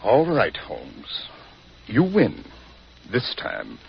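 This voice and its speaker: An actor playing Professor Moriarty, a suave, cunning criminal mastermind with a smooth, formal, sardonic manner in a 1940s radio drama. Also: male voice, medium pitch, huge pitch swings, very slow, full character voice. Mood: grudging compliance. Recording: dull, noisy 1940s radio recording.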